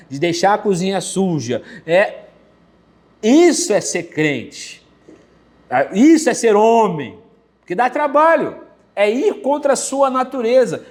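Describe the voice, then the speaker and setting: A Brazilian man with a Brazilian Portuguese accent preaches with lively, animated energy, telling vivid stories from his own life. His voice sits fairly high for a man, and he brightens it further when he acts out quoted lines. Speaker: pastor. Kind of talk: sermon.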